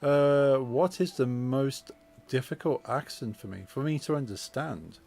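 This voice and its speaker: A man with a Midlands English accent, chatting casually as a game streamer and speaking with deliberately clear, precise diction. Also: medium pitch, darkish tone, faint music behind. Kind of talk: casual chat while gaming.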